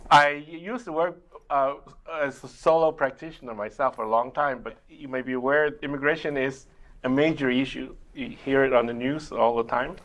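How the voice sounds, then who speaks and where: In a community TV studio, a middle-aged immigration attorney whose first language is Mandarin Chinese answers interview questions. He is measured, explaining step by step and pausing often with "uh" to think. His voice is mid-range and a bit bright.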